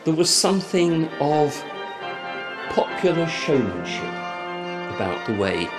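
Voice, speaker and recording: A man's voice: on the high side, big pitch swings, slow. An Englishman in his sixties with an English accent, guiding a tour of a church organ, enthusiastic and descriptive, speaking into a handheld mic in a large church. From England. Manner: warm, enthusiastic and descriptive, with lilting emphasis. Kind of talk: guided tour talk. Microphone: handheld microphone.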